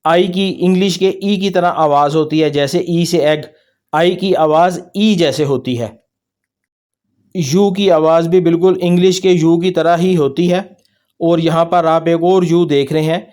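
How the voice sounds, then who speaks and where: A man's voice: fairly high pitch, darkish tone. A man with a Pakistani Urdu accent teaching pronunciation over slides, patiently repeating each word for practice. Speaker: language teacher. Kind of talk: slide-based pronunciation lesson.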